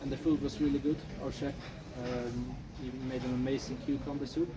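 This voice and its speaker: A man's voice: medium pitch, flat delivery, a little fast, far from the mic. A man from Sweden giving a casual trekking testimonial, hesitant with many fillers. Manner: hesitant, many uhs and ums, agreeable. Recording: noisy outdoor recording with vehicles.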